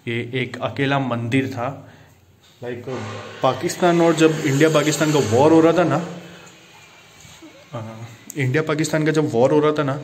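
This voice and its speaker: His voice is a little high and somewhat mellow, at normal speed with frequent pauses, as he vlogs his walk through a man-made underground temple cave. He often exclaims and switches between Hindi and English, filmed on a handheld phone with slight background noise.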